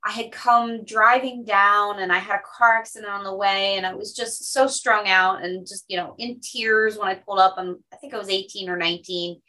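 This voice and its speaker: A woman's voice: mid-range voice, fairly even intonation, normal speed, hardly any pauses, pushed and bright, far from the mic, rough recording. Brief: woman podcast host, storytelling, laughs a lot, slightly off-mic. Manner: chatty storyteller, laughs often. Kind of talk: casual conversational interview.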